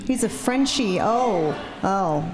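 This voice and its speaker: A woman's voice: medium pitch, animated, takes it slowly, darkish tone. Young woman on a live dating show, blunt n picky, roomy echo, noisy stage. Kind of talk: casual live banter. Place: indoor theatre stage before an audience. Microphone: handheld microphone.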